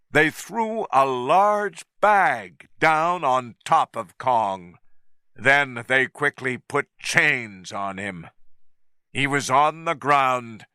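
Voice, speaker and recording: Recorded dry and close with no room sound, a man with a bright, lively pitch reads a story aloud for English learners. He goes very slowly, keeping his delivery clear and deliberate.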